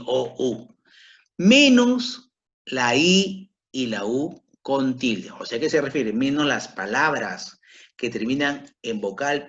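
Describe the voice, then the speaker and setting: A man's voice: medium pitch, fairly bright tone. A middle-aged man teaching a grammar lesson, repeating himself and checking in with his listeners as he goes. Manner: slow, repetitive, checks in with "¿ok?". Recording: dull lo-fi recording.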